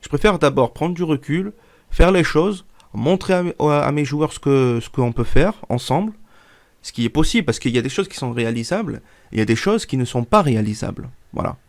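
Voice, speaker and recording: A man in his twenties talks briskly in a fairly high, lively voice. He's a YouTuber with a cold-stuffed nose, casually rambling to his viewers in vlog fashion with fillers and restarts throughout.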